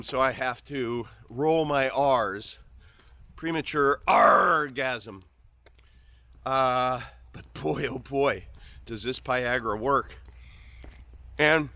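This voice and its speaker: Walking outdoors, a Midwestern vlogger in his fifties cracks jokes through a rambling talk that keeps trailing off and restarting. His mid-range voice comes across bright and forceful, with no room sound.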